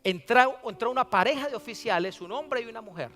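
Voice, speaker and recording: A man's voice: extremely high pitch, expressive, brisk, bright, forceful tone. A male pastor preaching a sermon. He tells a personal story and quotes the dialogue in it. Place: church sanctuary. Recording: long church reverb with faint instrument music.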